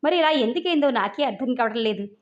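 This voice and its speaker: A woman voicing a calm, matter-of-fact male throat doctor giving advice. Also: very high-pitched. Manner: measured, advising. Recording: dull lo-fi recording.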